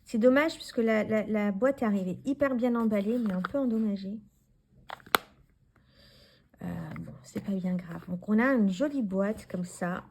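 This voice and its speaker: A woman's voice: medium pitch, normal speed, a little mellow, a little hiss or hum. A woman in her forties from France, chatting casually to the viewer as she shows her tarot decks, rambling with many fillers and restarts. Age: 40s. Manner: talks to the viewer directly, handling cards. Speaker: tarot YouTuber. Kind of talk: casual deck review vlog.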